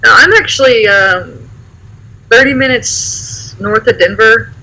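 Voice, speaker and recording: A man speaks as a student in casual, slightly hesitant conversation. His pitch is high for a man, and his tone is very bright and sharp. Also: takes it slowly, low-quality recording.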